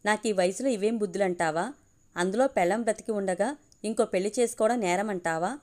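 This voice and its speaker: Shy middle-aged man, read by a female storyteller, mid-pitched. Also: brisk, a little mellow, natural voice. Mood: bashful. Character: middle-aged man, bashful about remarrying.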